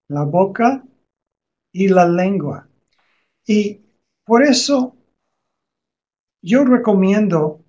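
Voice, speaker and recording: Slow, high-voiced man teaching a lesson. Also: a little mellow. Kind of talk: explanatory lesson on teaching reading.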